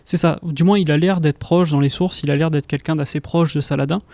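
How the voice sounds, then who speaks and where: A man's voice: on the high side, steady tone, a little mellow, no echo. Young man explaining his research. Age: young adult. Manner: measured, slightly hesitant. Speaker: junior researcher guest. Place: research institute room.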